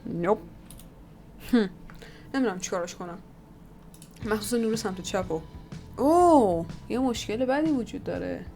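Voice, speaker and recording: A woman's voice: mid-range voice, lively intonation, gravelly, long pauses, mellow, faint music behind. Woman host, casual work-along commentary, muttering, thinking aloud. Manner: muttering to herself, trying things out. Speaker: 3D artist and channel host.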